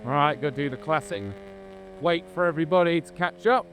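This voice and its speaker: Fairly high-pitched and fairly quick, a British motovlogger chats casually while riding outdoors. Engine and road noise fill the background of his noisy helmet mic recording.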